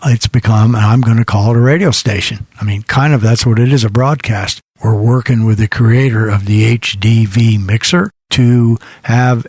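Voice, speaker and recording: An older American man hosts an internet radio show, offering a rambling, reflective, conversational monologue between songs. His voice is medium-pitched, darkish and husky, in a dry recording.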